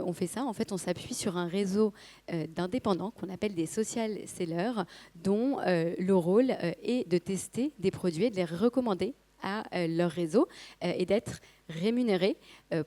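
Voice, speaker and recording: Hoarse, mellow woman, voice giving out. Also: lowish voice, normal speed. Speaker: company co-founder and marketing director, guest speaker. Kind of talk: spontaneous conference talk, telling a company story.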